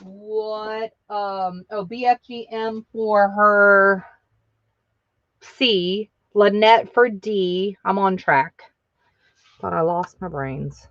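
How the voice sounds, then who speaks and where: A woman hosting a casual live-stream sale talks slowly and chattily, breaking into laughs and cheers. Her voice is recorded dry and a little dull, right up close. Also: medium pitch, fairly even intonation, fairly bright tone, no echo.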